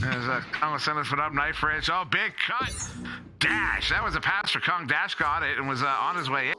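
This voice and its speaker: A man's voice: fairly high pitch, animated, normal speed, pushed and bright, faint music behind. A man doing live play-by-play esports commentary, chatty and joking, with lots of fillers.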